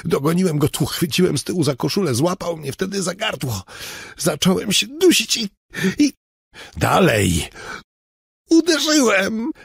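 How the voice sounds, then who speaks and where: A man voicing a frightened, panicked young man in an audiobook, with shaky, high, pleading outbursts. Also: very animated, measured pace, vocal fry, husky, no room sound, studio quality, full character voice. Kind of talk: audiobook character reading.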